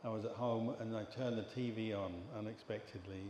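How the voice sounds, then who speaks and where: An older English man, a Buddhist monk, giving a dharma talk in a calm, measured storytelling way. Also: fairly low pitch. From England. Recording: echoey hall with long reverb and background noise.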